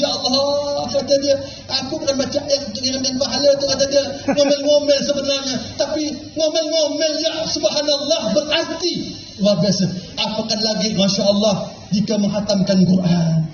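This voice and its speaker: A man preaching at a religious gathering, chanting Arabic verses slowly. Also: very high voice. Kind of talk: sermon storytelling. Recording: echoey hall with muffled sound.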